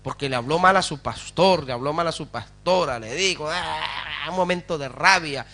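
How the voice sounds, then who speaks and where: A man's voice: a little high, a little fast, sharp tone. A man, a pastor, preaching a sermon with fervour, calling out to his congregation for responses and asking rhetorical questions.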